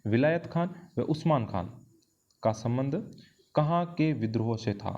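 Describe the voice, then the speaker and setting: With a fairly high, warm voice, a man leads a history lesson aimed at exam prep, going over quiz questions. He explains each point and repeats key phrases for emphasis, all captured on a dull lo-fi microphone.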